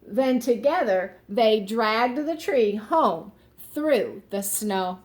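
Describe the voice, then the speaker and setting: A woman reads a picture book aloud to young children, expressive and teacherly, pausing to explain words simply. Her voice has a fairly high pitch.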